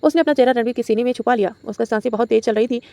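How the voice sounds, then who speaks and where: A woman reading a romantic audio novel aloud as the channel's storyteller, in a brisk, steady voice. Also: on the high side, dry recording.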